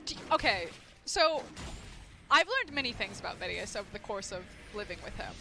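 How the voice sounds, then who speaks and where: A woman's voice: medium pitch, big pitch swings, brisk, pushed and bright, slight background noise. A woman esports caster with a sore voice, hesitant and full of fillers when analysing. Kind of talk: live esports commentary.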